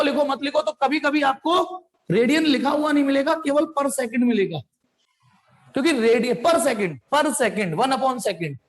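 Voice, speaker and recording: A man teaching a physics class, mixing Hindi with English terms and asking his students questions before answering them himself. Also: very high-pitched. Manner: playful asides, sound effects.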